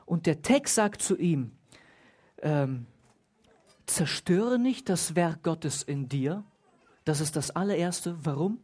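Slow-talking bible teacher, reads verses then explains them, leans hard on single words, asks the group questions. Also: mid-range voice, animated, a little mellow, slightly rough.

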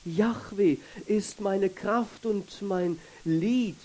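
A man's voice: sits high, drawn-out words, mellow, rough recording. A man preaching a sermon in an earnest way, putting questions to his listeners.

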